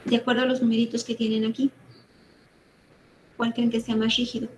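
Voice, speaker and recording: A woman's voice: a little high, flat delivery, fairly quick, slight background noise, poor audio. A woman giving an online engineering lecture over a video call, explaining step by step and checking in with frequent tag questions and fillers. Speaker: university lecturer.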